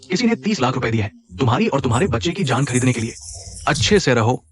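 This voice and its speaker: A man's voice: medium pitch, sing-song, fast talker, natural voice. An actor playing a threatening male thug in a dubbed short drama, taunting and cruel. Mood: menacing. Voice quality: menacing, taunting. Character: threatening male thug, ex-lover turned hired killer.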